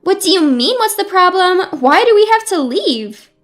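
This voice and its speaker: A woman's voice: very high-pitched, very animated, moderate pace, fairly bright tone, voice pushed up, full character voice. A woman voicing a frantic, panicked younger sister in a storybook reading. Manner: frantic, pleading.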